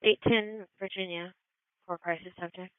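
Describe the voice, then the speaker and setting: Female police dispatcher on radio; lowish, very clear voice, terse and procedural, tinny narrow-band scanner sound. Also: fairly even intonation, normal speed, dry recording. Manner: terse, procedural, reads out codes and addresses. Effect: police radio transmission. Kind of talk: clipped dispatch radio calls.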